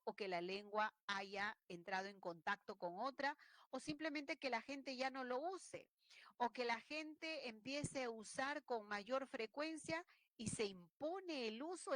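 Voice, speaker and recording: Slightly high and fairly bright, a woman's voice guides an online language lesson, explaining concepts and performing regional ways of speaking. There's no room sound in the recording.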